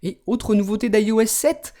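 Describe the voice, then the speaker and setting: A man hosting a tech video, explaining a phone's features in a relaxed way and speaking commands to it. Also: high-pitched, moderate pace. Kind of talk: screen demo tutorial.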